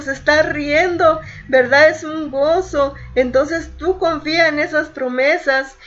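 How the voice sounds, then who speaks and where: A woman from Mexico preaches to a women's study group with a high voice. She speaks slowly and earnestly, repeating phrases and answering her own questions. The sound is dull and lo-fi, like a live audio stream. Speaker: pastor's wife leading a women's Bible study. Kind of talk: sermon.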